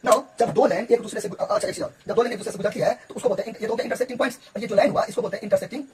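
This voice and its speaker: Fast-talking male math teacher. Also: high voice, background noise. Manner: quick, repetitive, checks in with the listener often. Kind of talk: explaining geometry on a board.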